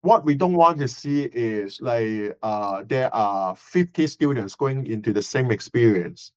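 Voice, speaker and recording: A man's voice: mid-range voice, animated, unhurried. A man speaking as a university professor, thinking aloud with hesitations and fillers. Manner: thoughtful, hesitant, many fillers. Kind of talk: reflective interview answer. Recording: dull, slightly lo-fi sound.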